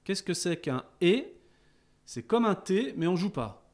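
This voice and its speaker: A man teaching a beginners' rhythm lesson, explaining calmly between chanted counting exercises. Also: high voice, a little slow. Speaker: music teacher.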